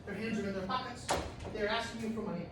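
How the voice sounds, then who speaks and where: A man's voice: high-pitched, fairly even intonation, fast talker. A middle-aged man, a pastor, giving a casual travel briefing to a group as a chatty storyteller. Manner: chatty storyteller, frequent restarts. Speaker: pastor leading a trip meeting. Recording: echoey room from far off, noisy.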